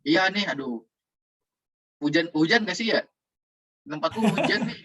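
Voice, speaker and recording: A man's voice: on the high side, expressive, measured pace, a bit bright, slightly rough. A man talking casually as a guest over a remote video call, his voice breaking up and turning robotic over a bad connection. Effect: breaking-up online call connection, robotic glitches. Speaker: guest on an online talk show. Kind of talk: casual online chat. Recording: dull lo-fi call audio.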